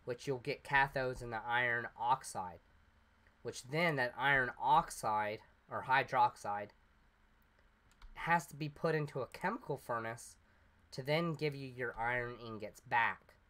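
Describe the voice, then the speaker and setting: A sharp-toned, mid-range male voice moves unhurriedly through casual gameplay commentary. The let's play host rambles and explains step by step with fillers, a touch congested as he recovers from being sick.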